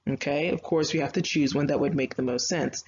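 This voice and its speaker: A woman's voice: low-pitched, a little fast, a little mellow. A woman teacher giving an online writing lecture, explaining grammar step by step with chatty asides and fillers. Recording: slightly dull lo-fi audio, faint noise.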